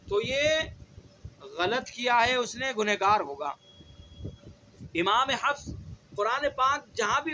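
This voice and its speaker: A man teaching Quran recitation in an online lesson, explaining step by step, saying example words slowly and often asking whether the point is clear. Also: very high voice, pushed and bright, slight background noise. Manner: explains step by step, repeats words slowly, asks checking questions.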